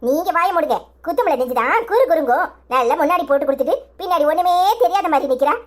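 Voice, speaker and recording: A performer voicing an indignant, sharp-tongued young wife in a cartoon comedy, with a Tirunelveli Tamil accent and a scolding manner. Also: sits high, expressive, quick pace.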